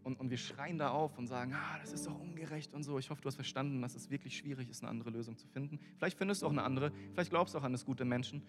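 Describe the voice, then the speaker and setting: A man's voice: mid-range voice, rapid-fire, hardly any pauses. A man preaching a sermon in an earnest, conversational way, speaking directly to his listeners. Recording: echoey hall with music behind.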